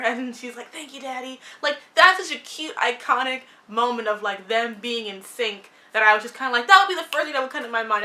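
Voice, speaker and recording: A woman's voice: on the high side, pushed and bright. A young woman reviewing a TV show in casual, opinionated chat, blunt and sarcastic, swearing freely and saying "like" a lot.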